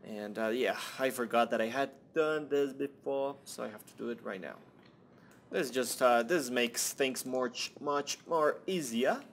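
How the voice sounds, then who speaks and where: A man's voice: medium pitch, a little slow, creaky, a little hiss or hum. A young man rambling and swearing to himself while commentating a building game, often muttering under his breath. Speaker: Minecraft let's-play host. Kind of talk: casual gameplay commentary.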